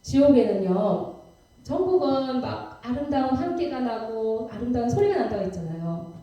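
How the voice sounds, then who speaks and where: A woman's voice: on the high side, lively intonation, normal speed, dark tone, far from the mic. A woman missionary giving a sermon testimony, telling her story vividly and dramatically in a church. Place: church sanctuary. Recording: echoey church hall from afar.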